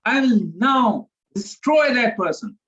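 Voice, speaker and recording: A fiery boy god who fiercely protects his younger brother, as a man storytelling puts him on. His voice jumps high and loud, booming threats and then wailing in helpless dismay. The recording sounds dull and lo-fi. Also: sing-song, slow pace, exaggerated voice. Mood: furious.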